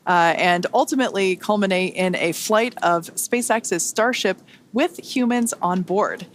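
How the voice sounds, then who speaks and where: Woman, webcast host, eager and upbeat, faint hiss behind. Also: on the low side. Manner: excited, laughs easily. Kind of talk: live launch webcast commentary.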